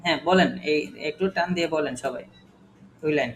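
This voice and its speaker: A man's voice: fairly high pitch, normal speed, a bit bright, faint music behind, rough recording. A man teaching an English class, patiently spelling words letter by letter and quizzing his students. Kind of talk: classroom lesson.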